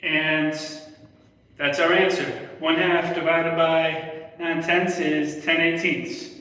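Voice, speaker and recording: A man's voice: a little high, little pitch movement, slow pace, bright, forceful tone. A young man giving a casual, step-by-step math lesson on a livestream, repeating himself as he explains. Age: young adult. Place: indoor room with whiteboard in a public library. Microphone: phone camera a step away. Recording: echoey room, distant microphone.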